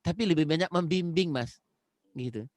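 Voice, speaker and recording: Indonesian guy giving a parenting talk over a video call, kinda high voice, dry sound, earnest and repetitive. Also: normal speed, dry recording. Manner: earnest, repeats phrases, addresses listener directly. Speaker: parenting webinar speaker. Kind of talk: conversational lecture.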